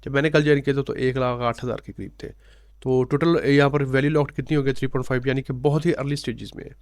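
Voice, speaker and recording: A man's voice: medium pitch, no echo. Man plainly explaining crypto, dry sound. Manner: steady explaining, mixing in English tech terms, pausing with "uh" fillers. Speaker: crypto channel host. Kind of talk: casual screen-share explainer.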